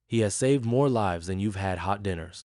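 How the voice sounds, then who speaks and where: A man's voice: fairly low pitch, moderate pace, a little mellow, no echo, studio quality, natural voice. A man voicing a stern older general who speaks grimly and coldly in a story reading. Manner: grim, cold and clipped.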